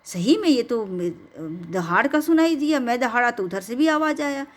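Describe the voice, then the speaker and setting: A woman voicing a proud, blustering male lion who rules the jungle, giving bossy, loud demands in a bedtime storybook telling. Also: a little high, expressive, normal speed, pitched above the performer's own voice, close to an everyday voice. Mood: boastful.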